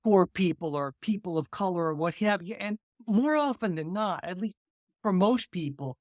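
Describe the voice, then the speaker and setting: A man's voice: high voice, lively intonation, moderate pace, no room sound. A man who teaches political science and hosts a podcast, giving earnest, reflective interview answers, often repeating words as he thinks.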